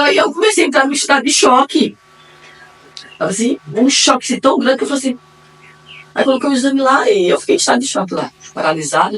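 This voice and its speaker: A woman with a Brazilian accent giving a personal faith testimony, acting out the dialogue as she retells it and swinging between quiet and excited. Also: mid-range voice. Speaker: testimony giver. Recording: distant mic, faint room ambience.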